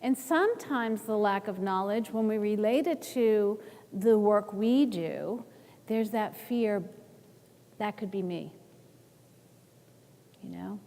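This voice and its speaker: A woman's voice: mid-range voice, a little slow, mellow, in a large hall. A woman from the northern United States leading a workshop, conversational and checking in with her audience. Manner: conversational, asks "right?". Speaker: workshop presenter. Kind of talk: workshop presentation.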